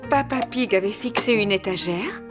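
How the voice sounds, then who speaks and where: A woman voicing a sensible, affectionate pig mother in a children's cartoon, explaining gently and patiently. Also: mid-range voice, moderate pace, over loud music, natural voice. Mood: fond, patient.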